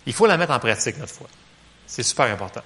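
A man with a Québécois French accent, preaching a casual sermon in a church, lively and joking, full of fillers. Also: medium pitch, fast.

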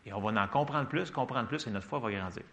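A man's voice: mid-range voice, fast. A man preaching a sermon in a Quebec French accent, conversational and often checking in with his listeners. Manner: lively, conversational, checks in with the congregation. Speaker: pastor.

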